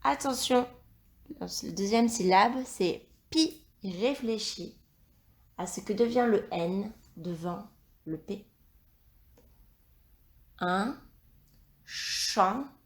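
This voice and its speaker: Slow, deliberate woman teacher. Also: medium pitch, a little mellow, echoey room. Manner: slow, carefully spelled-out instruction. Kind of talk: dictation lesson.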